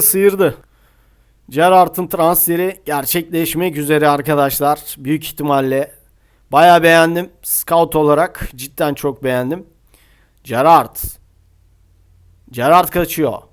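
A young man playing a football scout and commentating his mobile football match live, shouting and half-singing at goals, then dropping to low mutters. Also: slow pace, long pauses, clear, resonant tone. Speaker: gaming YouTuber playing a scout role.

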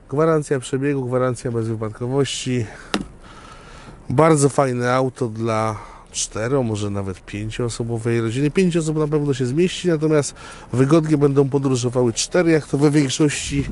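A man presenting a used car to viewers in a chatty salesman manner, recorded on a camera outdoors on a windy gravel lot. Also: mid-range voice, a little mellow. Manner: chatty salesman, upbeat, addresses viewers directly. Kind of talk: casual walkaround car presentation. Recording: outdoor camera audio with wind noise.

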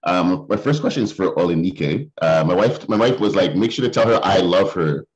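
A man's voice: low-pitched, lively intonation, normal speed. A man interviewing actors in a casual way, asking long questions with many restarts and fillers. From Barbadian family, raised in Canada. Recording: dull lo-fi sound.

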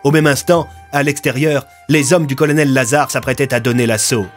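A man reading a dramatic audio story in a steady, expressive voice. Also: mid-range voice, fairly quick. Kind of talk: scripted dramatic narration. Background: faint music.

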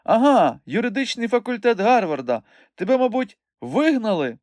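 A man's voice: high-pitched, very animated, normal speed, a little mellow, dry recording, clean studio sound, pitched above the performer's own voice. A man voicing a spirited, teasing young woman in an audiobook, with playful, mocking retorts. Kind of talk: audiobook character voice.

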